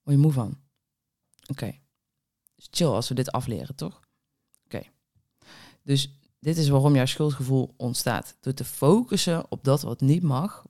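A woman's voice: extremely low pitch, a little mellow. A woman hosting a solo podcast as a diet coach, talking in a chatty, blunt way with mild swearing and acted inner thoughts. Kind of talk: casual solo podcast monologue.

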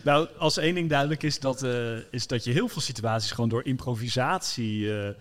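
A man hosting a casual interview, prompting his guest with relaxed questions. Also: mid-range voice, a little fast. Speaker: podcast host.

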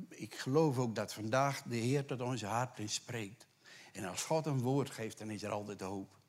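Man preaching in a church, conversational, tag questions, hushed scripture quotes, loud emphatic peaks. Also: lowish voice. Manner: animated, rising to loud emphatic bursts, drops to hushed whispers for scripture quotes. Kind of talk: sermon.

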